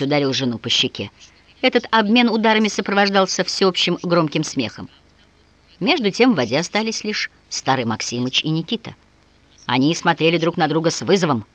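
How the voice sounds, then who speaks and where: Expressive woman reading an audiobook. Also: lowish voice, no room sound. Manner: expressive, varied intonation. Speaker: audiobook reader. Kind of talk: audiobook narration.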